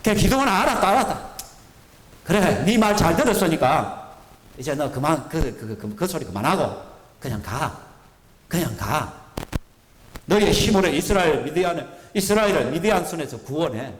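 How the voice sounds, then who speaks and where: Pastor acting out a fed-up god, brusque talk, booming echo all around. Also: male voice, big pitch swings, normal speed, pauses often. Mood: impatient. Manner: brusque, waving off with short retorts. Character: exasperated God, male, fed up and dismissive. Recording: reverberant church hall.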